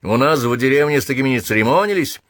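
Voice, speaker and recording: A man voicing a rough male village policeman in an audiobook, blunt and heated. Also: mid-range voice, animated, quick pace, fairly bright tone, dry recording, studio quality, voice pushed up, natural voice.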